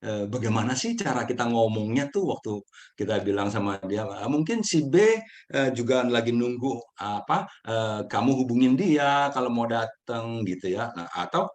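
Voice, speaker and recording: A man speaking gently and unhurriedly as speaker of a mindfulness session, answering audience questions with frequent chuckles. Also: medium pitch, lively intonation, moderate pace.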